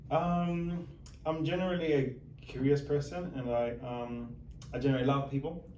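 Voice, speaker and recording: A man in his thirties from Zimbabwe, a financial planner being interviewed, talking in a measured, hesitant way full of fillers. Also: medium pitch, mellow, a little hiss or hum. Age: 30s. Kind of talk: interview chat. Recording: echoey room, mic at a distance.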